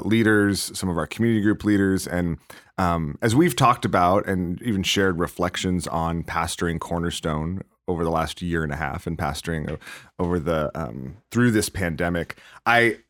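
A low-voiced man with a Californian accent hosts a church podcast as its pastor. He rambles and circles back on himself, with restarts and filler words. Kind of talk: casual chat.

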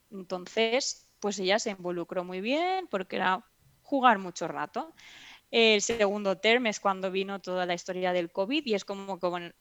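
A woman from Spain, chatting as an interview guest and telling animated stories. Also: mid-range voice, no room sound. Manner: chatty, animated storytelling with restarts. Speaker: interview guest, mother and teacher. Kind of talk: casual interview chat.

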